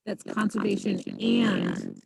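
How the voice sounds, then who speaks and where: A woman's voice: extremely low pitch, wildly swooping pitch, gravelly. Woman on a garbled, dropping-out video call. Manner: speaks slowly to get through a bad connection. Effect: garbled, breaking-up video call audio. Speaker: committee member. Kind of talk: meeting discussion on a video call. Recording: noisy, garbled call connection.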